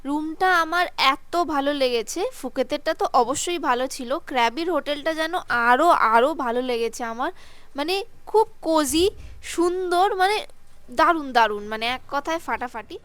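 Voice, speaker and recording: A woman's voice: high-pitched, moderate pace, fairly bright tone, no room sound. A woman gives a hotel tour in casual vlog narration. She gushes with praise and fills her talk with "মানে". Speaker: travel vlogger. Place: hotel room and grounds.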